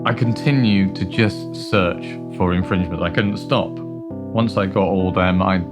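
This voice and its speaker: A man telling wry, animated stories in a documentary interview. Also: low-pitched, a little slow, loud music behind the voice. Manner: animated, wry anecdotes with playful quoted voices. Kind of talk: storytelling interview.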